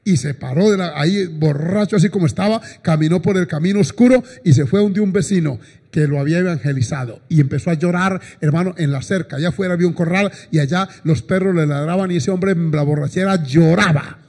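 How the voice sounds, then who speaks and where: A man's voice: on the high side, quick pace, a little mellow, slightly rough. A man preaching a sermon as a pastor, telling stories and breaking into praises. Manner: storytelling preacher, exclaims praises often. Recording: long church hall reverb.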